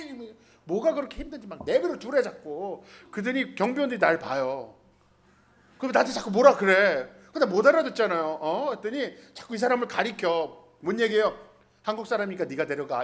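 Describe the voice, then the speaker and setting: A man's voice: high voice, a bit bright. A man preaching a colloquial, joking sermon as a pastor, telling stories and acting out the dialogue in character voices. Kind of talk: storytelling sermon. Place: church in Hanoi.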